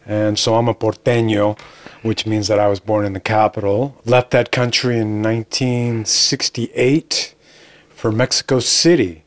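An older man from Argentina, a podcast guest, telling stories in an animated, chatty way. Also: lowish voice, a little slow. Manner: animated storytelling, laughs easily. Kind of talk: casual interview chat.

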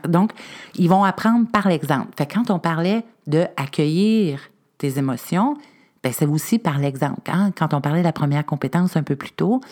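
A Québécois woman talks through parenting advice in a relaxed, conversational way, slipping into little acted-out lines of what a parent might say aloud. Her voice sits on the lower side and has a warm, mellow tone. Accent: Québécois French. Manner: animated, acts out little scenes of what parents can say. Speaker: parenting expert guest.

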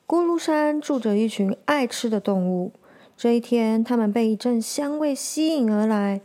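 A woman reading a children's picture book aloud, gently stopping to explain words. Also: on the high side, lively intonation, normal speed. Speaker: storyteller.

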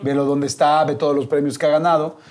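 Animated Mexican man telling a story. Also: a little high, fast talker. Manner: animated, acts out quotes. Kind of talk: casual storytelling.

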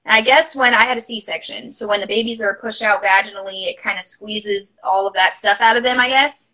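A woman's voice: mid-range voice, a little fast, pushed and bright, rough recording. A young mother talking openly and casually as a podcast guest, with many fillers and laughter in her talk. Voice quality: chatty, many fillers and asides. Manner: open and heartfelt, laughs while talking. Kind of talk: casual interview storytelling.

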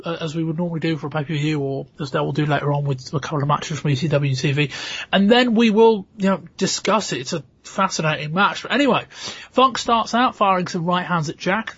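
A man with a hoarse, thick sore-throat voice, hosting a podcast and recapping events. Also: fairly high pitch, a bit bright, no room sound, highs cut off. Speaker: podcast host. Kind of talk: scripted match recap and casual hosting.

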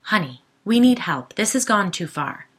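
A woman reading the part of a worried, exasperated husband in an audiobook, her voice gravelly and bright. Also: lowish voice, moderate pace. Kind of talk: audiobook character voice.

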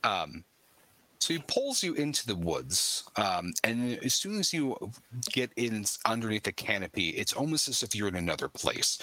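A man narrating a tabletop game as game master, in a halting way with many ums and uhs. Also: on the low side, very animated, bright, forceful tone, dry recording.

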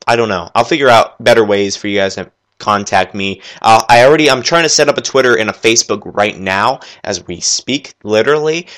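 A man hosting a solo gaming podcast, talking fast and enthusiastically in a rambling, off-the-cuff way while working at his computer. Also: on the low side, a bit bright. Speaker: podcast host.

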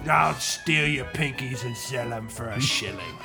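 A man's voice: mid-range voice, a little slow, vocal fry, over music. A man putting on a growling, vaguely British voice as a creepy old orphanage keeper, delivered theatrically. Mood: menacing. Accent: put-on vague British.

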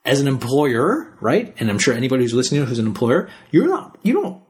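A man's voice: medium pitch, huge pitch swings, fairly quick. A man co-hosting a podcast, talking in an earnest, emphatic, repetitive motivational way. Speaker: podcast co-host.

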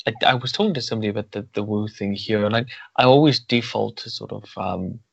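A man hosts a podcast interview, talking conversationally in a thoughtful, rambling way with many restarts. His fairly low voice is brisk, gravelly, and husky. The recording is dry, with no room sound, and dull and lo-fi.

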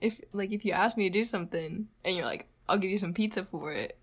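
Soft-spoken, hesitant woman guest. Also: mid-range voice, fast, husky. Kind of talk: casual interview answers.

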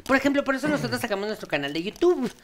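A woman's voice: fairly high pitch, sing-song, rapid-fire, over a noisy crowd. A woman co-hosting a casual comedy chat, laughing and telling funny stories. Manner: laughing, tells stories with spelled-out jokes. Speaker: co-host.

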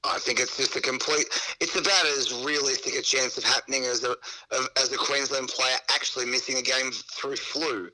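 A man's voice: medium pitch, fairly even intonation, normal speed, sharp tone, poor audio. A man appearing as a guest on a sports podcast, teasing in a dry way. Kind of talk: casual sports podcast chat.

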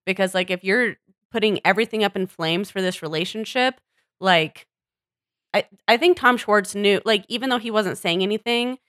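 A woman co-hosting a casual podcast chat with a bright, sharp voice. She talks bluntly and heatedly and swears freely. The sound is dry and close. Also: mid-range voice, moderate pace, dry recording. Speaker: podcast co-host.

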